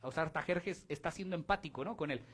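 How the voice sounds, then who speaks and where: Animated Mexican preacher, man. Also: a little high, fast talker. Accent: Mexican Spanish. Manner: animated, conversational, addresses the congregation directly. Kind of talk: sermon. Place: church.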